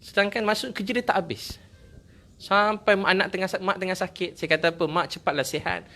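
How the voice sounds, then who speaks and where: A man's voice: sits high, fast talker, bright, forceful tone. A man with a Malaysian accent preaching a sermon, telling a personal story in a heartfelt, earnest way with repeated phrases.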